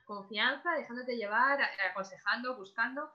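A woman's voice: on the high side, normal speed, highs cut off. A woman speaking as a guest in a casual podcast chat, chatty, with many fillers and frequent laughs.

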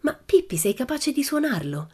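Storybook: woman reader as a keen little boy, high and eager. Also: very animated, moderate pace, darkish tone, slightly rough, full character voice. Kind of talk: audiobook character reading.

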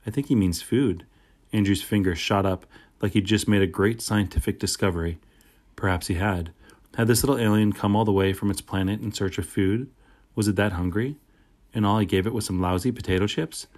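A man narrating a children's audiobook in a steady, plain first-person storytelling manner. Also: lowish voice, fairly quick.

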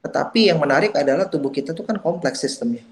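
A man's voice: on the high side, expressive, quick pace. A man, a doctor and researcher, talks casually as a podcast guest, explaining at length with small restarts and hedges. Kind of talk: casual conversational interview.

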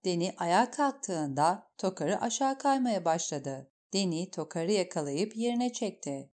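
A woman reading an audiobook aloud, measured and steady. Her voice is mellow and dark, sitting fairly low. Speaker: narrator.

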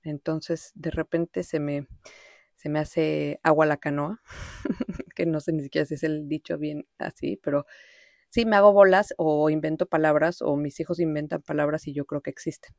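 A woman from Mexico City with a Mexican accent hosts a podcast, sharing personal reflections in a casual, rambling monologue that drifts into storytelling and slips in the odd English word. Her voice is deep and darkish, with fairly even intonation and a moderate pace. The recording is dry and studio quality.

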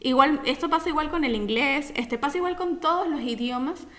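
A woman with a fairly high voice co-hosts a casual podcast. She explains each point in an emphatic, teacherly way. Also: brisk, sharp tone. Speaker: podcast co-host.

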